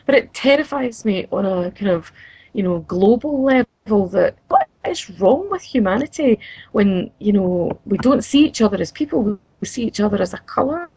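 A woman's voice: medium pitch, lively intonation, moderate pace, a little mellow, husky, dry recording, poor audio. A woman on a video call whose connection breaks up, speaking in an earnest, concerned way during a casual talk-show discussion.

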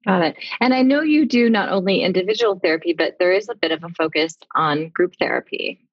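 Woman, interviewer, measured questions, slightly dull dry sound. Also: lowish voice, husky, no room sound. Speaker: podcast interviewer.

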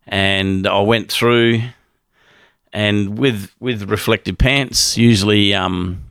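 Male guest, low gravelly voice, dry close sound, sheepish storyteller. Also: steady tone, slow pace, a bit bright, no room sound. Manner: sheepish, laughs while telling it. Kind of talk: casual storytelling.

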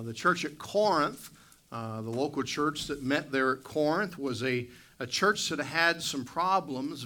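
A male pastor preaches in a plain-spoken, deliberate way, phrasing in short pieces. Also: mid-range voice, bright, forceful tone. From West Virginia, United States. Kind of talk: church sermon with scripture reading and prayer.

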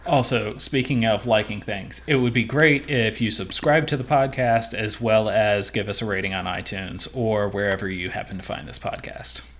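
A man co-hosting a podcast, signing off in a relaxed, rambling way with some fillers. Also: on the low side, normal speed, few pauses, a little hiss or hum. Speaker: podcast co-host. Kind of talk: casual podcast sign-off.

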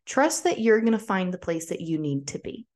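A woman's voice: on the low side, sing-song, normal speed, darkish tone. A woman in her twenties hosting a podcast, telling a personal story in a casual, chatty way full of "like" fillers. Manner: chatty, frequent "like" fillers, acts out quoted voices. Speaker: podcast host.

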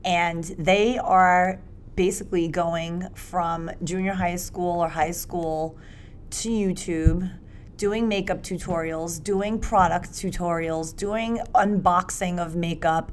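A woman's voice: on the low side, slow pace. Woman in her late 40s chatting on a podcast, rambles a bit then gets fired up, faint hiss. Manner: expansive, animated when making points, some searching for words. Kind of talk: casual podcast conversation.

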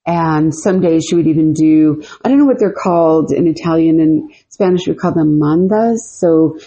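A woman's voice: low voice, moderate pace, mellow, breathy edge, muffled recording. A woman co-hosting a podcast, telling stories in a rambling, casual way with many fillers. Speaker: podcast co-host. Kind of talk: casual storytelling chat.

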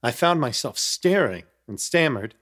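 A young man narrates a radio drama in the first person, a wry storyteller caught up in a strange night. His humor is dry and measured, while his slightly bright voice rises and falls expressively with lively intonation from line to line.

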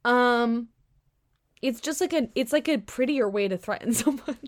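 A young woman hosting a solo podcast, ranting in a sarcastic, animated way with slang and bursts of laughter. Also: fairly high pitch, normal speed. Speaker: podcast host. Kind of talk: casual solo podcast commentary.

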